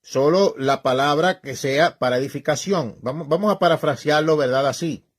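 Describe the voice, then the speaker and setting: A man's voice: a little high, moderate pace. A man preaching in a colloquial, emphatic way, scolding his listeners directly and pressing each point with repetition. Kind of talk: informal preaching talk.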